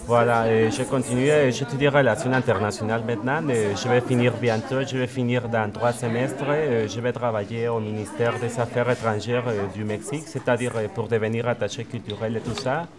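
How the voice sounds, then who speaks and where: A young man from Mexico, a Spanish speaker, introducing himself in hesitant French with many pauses and fillers. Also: mid-range voice, fairly even intonation, music in the background. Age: young adult. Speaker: student visitor. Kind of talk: casual self-introduction to camera.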